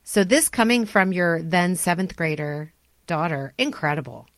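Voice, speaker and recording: A woman's voice: on the low side, animated, moderate pace, dry recording. A woman hosting an interview, enthusiastic and affirming toward her guest. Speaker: host. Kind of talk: podcast interview.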